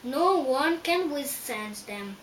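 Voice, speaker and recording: A bruised, weary lion from a storybook, rueful and earnest, as a woman reader puts him on. The voice stays high and slow, far from the mic in a roomy space. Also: lively intonation. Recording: roomy, distant, faint hiss.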